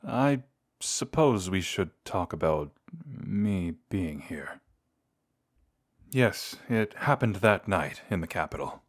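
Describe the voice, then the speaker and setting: In an intimate audio roleplay, a man voices a brooding but courteous vampire addressing a lost love. His voice sits low, and his phrasing is formal and measured.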